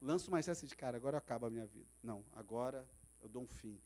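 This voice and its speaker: A man's voice: mid-range voice, animated, racing, a little mellow. A man with a Brazilian Portuguese accent, preaching a sermon as pastor at a church service, telling stories dramatically. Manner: dramatic storytelling, acting out quoted voices.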